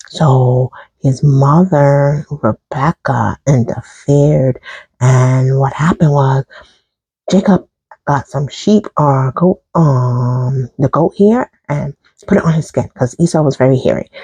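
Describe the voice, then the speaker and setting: Gravelly, chatty chaplain retelling Bible stories. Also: medium pitch, mellow, no room sound, poor audio. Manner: chatty, digressive, with chuckles and asides. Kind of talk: casual Bible storytelling.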